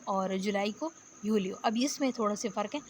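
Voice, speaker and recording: A woman teacher giving a spoken lesson, patient, explaining step by step and repeating words slowly. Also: mid-range voice, a little mellow, slight background noise. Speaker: Arabic teacher. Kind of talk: spoken lecture.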